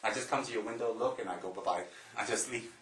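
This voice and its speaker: A man from Taiwan, a Buddhist monk, giving a slow, emphatic Dharma talk to an audience, repeating phrases and adding joking asides. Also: fairly low pitch, fairly bright tone, reverberant, poor audio.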